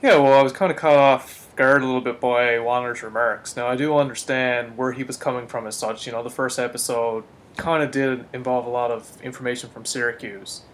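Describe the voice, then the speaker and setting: A man co-hosting a gaming podcast who speaks in a measured, thoughtful way, often saying "you know" and "kinda". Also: medium pitch, steady tone. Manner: measured, thoughtful, filler-heavy. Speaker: co-host. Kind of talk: casual podcast chat.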